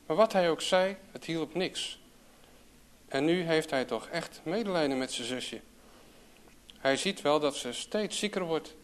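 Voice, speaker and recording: A man reading a children's story aloud in a calm, even storytelling manner. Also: on the high side. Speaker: narrator.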